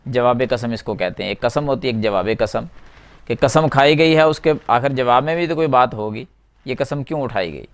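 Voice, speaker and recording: A man leads a classroom lesson at a whiteboard, his voice smooth and clear at a middle pitch. He explains each word step by step, repeating key terms and putting questions to his students before answering them himself. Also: dry recording. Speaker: Quran teacher.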